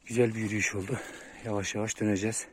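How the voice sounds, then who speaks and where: A man's voice: on the low side, very fast. A man casually narrating a vlog outdoors on a mountain walk, talking to his viewers about his dogs. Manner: relaxed, chatty, addresses viewers directly. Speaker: dog owner showing his dogs. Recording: outdoor recording with clear background noise.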